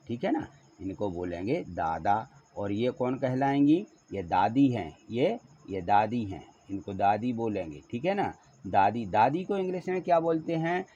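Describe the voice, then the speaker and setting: Male teacher, husky mid-pitched voice, patient call-and-response lesson, muffled lo-fi audio. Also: darkish tone. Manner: patient, repeats words and asks questions back. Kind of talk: classroom lesson. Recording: dull lo-fi recording.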